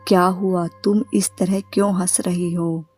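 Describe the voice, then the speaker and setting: A scheming village headman from a horror storybook, as a woman reads him. He makes mocking, smiling threats in a dark, husky voice, slowly, over faint background music. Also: on the low side, flat delivery.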